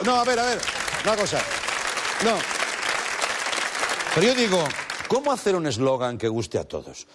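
A man delivers a playful, mocking monologue in a studio. His pitch swings widely as he teases. A live audience can be heard around him. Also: heavy background noise. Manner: playful, mocking, lively asides. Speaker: late-night comedy host. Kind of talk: comic monologue.

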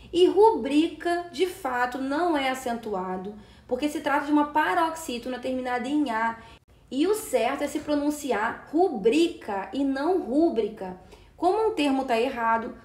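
Brazilian woman teacher, high voice, patient step-by-step explainer, echoey room. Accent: Brazilian Portuguese. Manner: explanatory, checks in with "né" and "tá". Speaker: Portuguese teacher. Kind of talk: exam-prep lesson. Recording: roomy echo.

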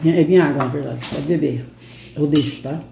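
A woman's voice: deep voice, a little fast, creaky, roomy sound. A woman chatting casually with a small child at home in a playful, teasing way. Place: indoor home kitchen at a table. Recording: noisy home kitchen, clinking dishes. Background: clattering cutlery and dishes.

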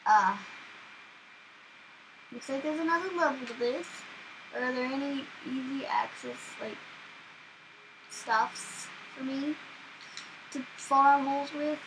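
A young woman hosting a gaming channel, chatting casually and excitably while she plays, often startled. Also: high-pitched, takes it slowly, pauses often, noisy background. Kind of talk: casual gameplay commentary.

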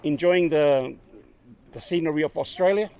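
Filming with his camera at arm's length, this New Zealander chats cheerfully with strangers at an outdoor lookout for his travel vlog, laughing a lot. He talks at an ordinary pace in a slightly high, slightly mellow voice.

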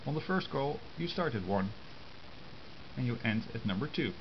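A Dutch amateur radio hobbyist walks through his hand-drawn diagrams step by step, speaking informally in short, halting phrases with an animated, mid-range voice. A compact camera's built-in microphone captures him, leaving the sound muffled and hissy.

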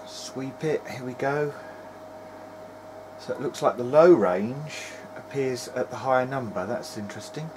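A hobbyist filming a video diary tests electronics at his cramped, cluttered indoor bench, offering offhand commentary in brief, stop-start mutters. He has a mid-range voice, and the workshop's background noise comes through clearly.

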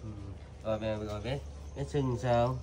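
A man interviewing a child, asking gentle, coaxing questions with many fillers. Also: medium pitch, steady tone, normal speed, a crowd in the background. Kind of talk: casual street interview. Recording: outdoor video with noticeable background noise.

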